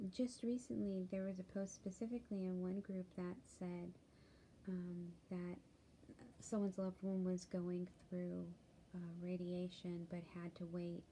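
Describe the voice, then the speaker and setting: Tired woman, low gravelly voice, flat delivery, soft and hesitant, slips into whispers, candid vlog update, faint hiss behind. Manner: tired and worried, soft-spoken, many ums, drifts into whispers. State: sleepy, yawning. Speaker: vlogger sharing a health update.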